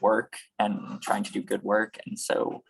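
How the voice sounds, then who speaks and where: A man with a Boston accent, a high school teacher, talking casually on a video call, unhurried and full of pauses. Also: completely flat delivery, gravelly, background noise. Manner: unhurried, with many pauses and fillers.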